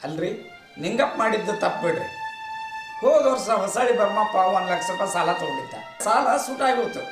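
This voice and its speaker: An actor playing a humble, indebted farmer who pleads deferentially in a North Karnataka Kannada accent. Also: male voice, sits high, expressive, brisk. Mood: arguing. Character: poor, humble farmer in debt. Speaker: struggling farmer. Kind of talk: village short film acting. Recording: roomy distant mic with music.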